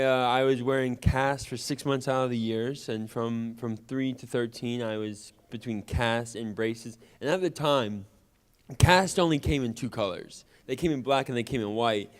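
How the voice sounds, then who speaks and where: A young man from Louisiana, a guest actor, telling personal stories in an animated way and acting out childhood conversations. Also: medium pitch, clear, resonant tone. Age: young adult. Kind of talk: personal storytelling.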